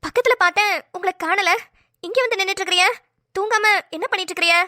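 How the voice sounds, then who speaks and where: A woman voicing an anxious, caring young wife in a cartoon, asking quick worried questions. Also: extremely high pitch, bright, forceful tone, dry recording, studio quality. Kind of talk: cartoon voice acting.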